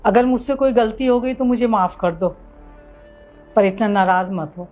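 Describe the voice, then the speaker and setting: A woman's voice: on the high side, normal speed, faint music behind, lightly acted. A woman playing a meek, pleading mother-in-law. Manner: soft, pleading, apologetic. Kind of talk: amateur family drama skit.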